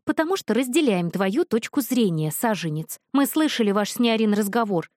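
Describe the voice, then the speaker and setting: A woman's voice: fairly high pitch, big pitch swings, normal speed, darkish tone, no room sound, clean studio sound. A woman voicing an insolent young sorceress who speaks with mocking disdain. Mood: scornful.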